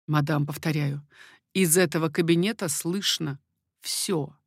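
A woman's voice: sits low, fairly even intonation, unhurried, husky, no room sound, studio quality, full character voice. A woman voicing an ardent young nobleman pleading. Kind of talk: audiobook reading.

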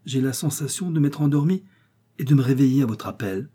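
A man's voice: mid-range voice, brisk, warm tone, breathy edge, voice pushed up, lightly acted. A man voicing a frail young woman recovering in bed, in an audiobook reading. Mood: weak. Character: weak young woman, shipwreck survivor.

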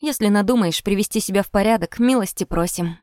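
A woman's voice: medium pitch, fast, darkish tone, no room sound, studio quality, lightly acted. A woman reader voicing a worldly young woman friend who smokes and hands out knowing advice. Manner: knowing, advising.

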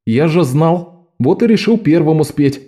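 A man voicing Locke, a wily adult male con man who talks in a wry, quiet way. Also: a little high, lively intonation, unhurried, pitched above the performer's own voice. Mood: tender.

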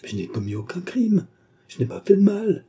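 A man voicing a frightened young courtesan who pleads and cries out in a dark, husky voice. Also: medium pitch, very animated, moderate pace. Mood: pleading.

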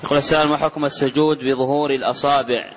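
A man reads out questions to a scholar in a plain, formulaic way. His voice stays very flat. The recording is dull and lo-fi, with faint background noise. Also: medium pitch, racing. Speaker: moderator reading out questions. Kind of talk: reading questions aloud.

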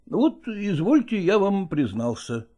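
Man doing a weary touring actor, husky high voice, lively swings, dark tone, coaxing, audiobook drama. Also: slow pace, heavily acted. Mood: persuading. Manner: coaxing, patronizing, sighing.

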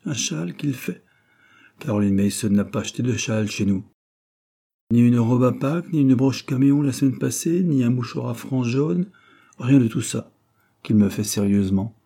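A man's voice: fairly low pitch, a little fast, warm tone. A man voicing an angry, gossiping working-class landlady who scolds indignantly, in an audiobook reading. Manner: indignant, scolding, breathless storytelling.

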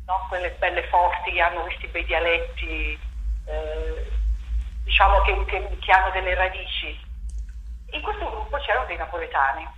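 Her voice low-ish yet fairly bright, a woman who writes and directs plays talks through her stage work in an interview, pausing on fillers and restarting as she reflects. The sound is lo-fi, from an echoey room carrying faint noise.

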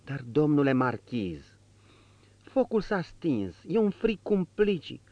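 A man's voice: a little high, big pitch swings, dry recording, voice pushed up. A man voicing an old, worried manservant who pleads and fusses over his master, in a dull recording. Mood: alarmed. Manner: pleading, fussing. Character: old worried male servant. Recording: dull lo-fi audio.

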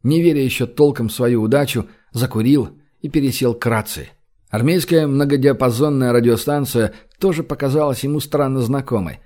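A man narrating an audiobook in a steady, scripted reading. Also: mid-range voice, a little fast. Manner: urgent, shouted dialogue in tense scenes.

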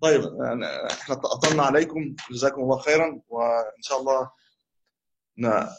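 A man's voice: medium pitch, lively intonation, noisy background. A man teaching a religious text to a class, joking casually with his students. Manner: fast, casual banter with students after formal recitation. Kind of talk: lecture on a creed text.

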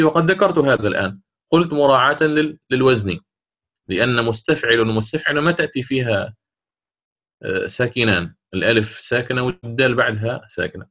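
Bright-voiced man teaching recitation rules. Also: mid-range voice. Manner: explains step by step, slows to chant quoted verses. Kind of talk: classroom lesson explaining a didactic poem.

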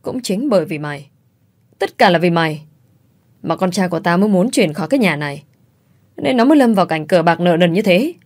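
A woman's voice: on the low side, normal speed, long pauses, a little mellow, close to an everyday voice. A woman doing a harsh, scolding old mother-in-law. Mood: bitter. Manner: scolding, wailing.

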